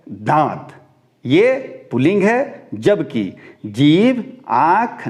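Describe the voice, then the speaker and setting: A male teacher giving a grammar lesson, reading out word lists one by one and asking his pupils questions. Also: on the high side. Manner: slow, deliberate, drills lists and quizzes pupils.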